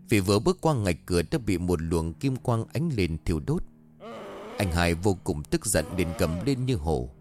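A man tells a horror story in a dramatic, scripted way. His voice is very deep, yet his pitch moves a lot. Faint music plays under him. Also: a little mellow.

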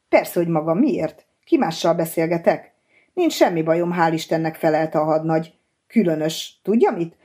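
Woman narrating an audiobook, low husky voice, steady measured read. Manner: even, measured reading, with characters' lines in her own voice.

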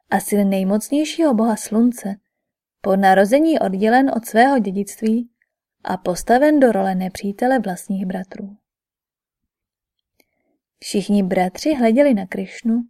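A woman narrating a scripted epic audiobook in a measured, even storytelling manner. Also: mid-range voice.

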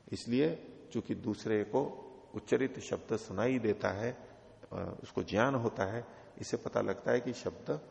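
A male teacher giving a scripture commentary lecture, reciting Sanskrit lines slowly and then explaining them in a measured way. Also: lowish voice, vocal fry, a little mellow. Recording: dull recording in a reverberant hall.

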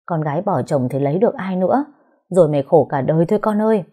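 A woman's voice: on the low side, animated, fast talker, warm tone, husky. A woman voicing an anxious older mother from the countryside, pleading and scolding. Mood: fretful. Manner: fretful, pleading.

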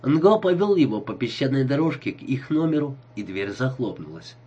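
A man reads a novel aloud in an expressive storytelling voice. His tone is husky, and his pitch rises and falls widely. Steady audiobook narration. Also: normal speed, muffled recording.

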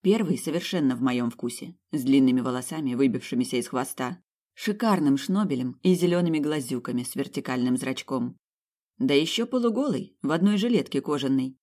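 A woman narrating a first-person comic fantasy audiobook in a wry, sarcastic, lively way. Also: very deep voice, a little fast.

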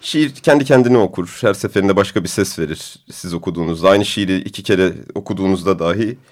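Deep-voiced male radio host. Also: fast talker. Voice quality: deep, booming voice. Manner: relaxed, hesitant with fillers. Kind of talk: casual radio discussion.

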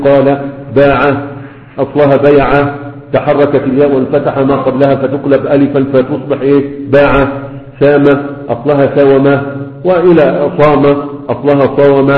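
A man with an Egyptian accent teaching a grammar lesson to a class, explaining step by step and asking and answering his own questions. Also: medium pitch. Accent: Egyptian Arabic. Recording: echoey hall over tinny phone-like sound.

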